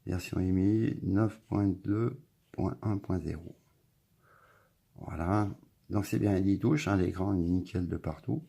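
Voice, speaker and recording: Male tech vlogger, deep gritty voice, laid-back rambling review, music under him. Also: a little slow, gravelly, husky. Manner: relaxed, rambling, filler-heavy commentary. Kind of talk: casual product review.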